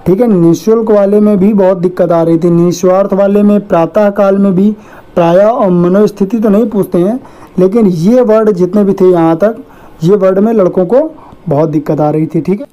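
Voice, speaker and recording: This woman's medium-pitched, dark-toned voice comes through poor audio at a normal speed. She explains a Hindi shorthand lesson on screen word by word, confirming every point with the class and repeating "theek hai" each time in a patient, methodical way.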